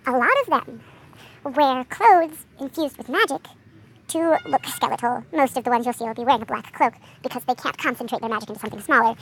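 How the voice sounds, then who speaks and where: High-voiced chatty young woman. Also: creaky, slight background noise. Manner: chatty, easily distracted, rambling with fillers. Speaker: vlogger showing her character drawings. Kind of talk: casual chat.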